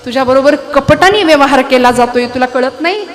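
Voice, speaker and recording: A woman's voice: high voice, fairly quick, soft background music, close to an everyday voice. Shakuni, a woman doing a scheming old uncle. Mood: needling. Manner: needling, condescending, urging.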